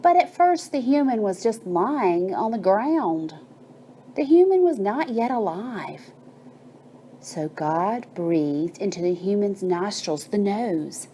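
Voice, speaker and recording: Narrating a bedtime story with guided meditation, a woman keeps her mid-range voice mellow and her pace measured and soothing. Her phrases are long and drawn out, and a bit of background noise is present.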